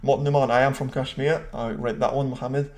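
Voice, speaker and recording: A man hosts a live stream in a level, darkish voice at a brisk pace, his pitch sitting in a typical male middle range. He talks loosely between commentary and the chat, replying directly to viewers and poking fun at himself in rambling asides.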